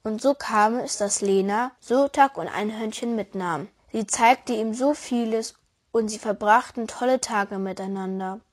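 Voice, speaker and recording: Woman calmly reading a children's story. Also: fairly high pitch, a little slow.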